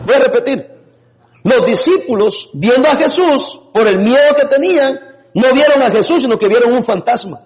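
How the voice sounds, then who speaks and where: A man preaching a lively sermon as a pastor, laughing now and then and breaking into sudden shouts. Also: very high voice, normal speed. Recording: long reverb in a hall.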